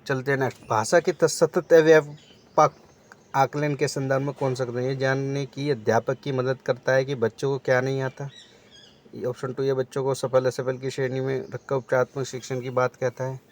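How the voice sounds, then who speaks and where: A man's voice: mid-range voice, little pitch movement, moderate pace. A man teaching exam preparation, reading out multiple-choice options and then explaining the right answer.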